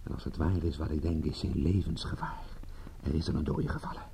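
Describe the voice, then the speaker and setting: In a Dutch radio drama, an actor plays a tough, impatient, shrewd private detective who commands the scene with pointed questions. His rumbling, gravelly low voice moves fast, grim and subdued, over a noisy background.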